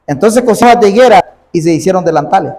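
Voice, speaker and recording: A man's voice: sits high, lively intonation, fast, a little mellow. A man preaching a sermon as pastor, repeating his phrases and stopping often to say amen and ask if you see. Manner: repeats phrases, punctuates with "amén" and "¿ves?". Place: church sanctuary. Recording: long reverb of a large hall.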